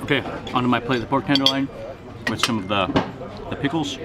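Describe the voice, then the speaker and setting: This travel vlogger, a man in his thirties, talks excitedly about food while filming handheld at arm's length outdoors in a city, on a boat and in a restaurant. He speaks quickly at a medium pitch, with music playing and heavy background noise.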